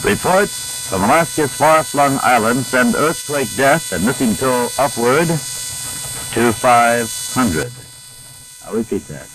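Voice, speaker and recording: Male radio news announcer reading wire bulletins, mid-range voice, deliberate delivery, old 1960s broadcast recording with hum. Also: mid-range voice, animated. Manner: measured, grave, deliberate reading. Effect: old 1960s radio broadcast recording with electrical hum. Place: radio studio.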